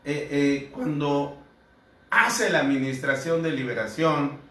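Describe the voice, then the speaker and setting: Slow, earnest high-voiced male pastor. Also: fairly even intonation, pushed and bright. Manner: measured, earnest preaching with rhetorical questions. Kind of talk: sermon. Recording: echoey room, heard from a distance.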